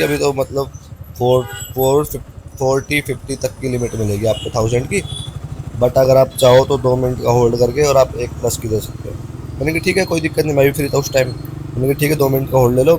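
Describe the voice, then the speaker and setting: A chatty motovlogger from Haryana, India, tells stories casually while riding a motorbike on the road, mixing slangy, colloquial Hindi and English and calling his viewers brother. His voice is medium-pitched and mellow, but the recording is low quality, with clear road and engine noise plus vehicle and outdoor ambience.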